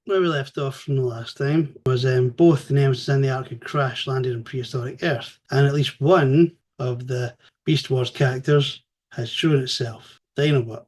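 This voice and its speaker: Guy rambling thru a cartoon review, chatty, swears a bit, mid pitch. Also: fairly even intonation, normal speed, darkish tone. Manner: chatty, rambling, sometimes crude; self-correcting, frequent fillers. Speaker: host reviewing an animated series. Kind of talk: casual spoken review.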